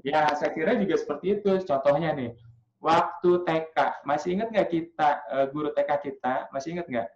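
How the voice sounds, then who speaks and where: Lively man coaching, roomy muffled sound. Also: on the high side, a little fast. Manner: lively, demonstrative, many filler sounds. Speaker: storytelling coach. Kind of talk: casual workshop talk to parents.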